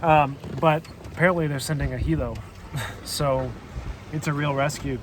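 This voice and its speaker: A man's voice: a little high, moderate pace. A man narrating casually for a sailing vlog, recorded outdoors on a boat under way. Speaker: sailing vlogger. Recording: loud boat and water noise.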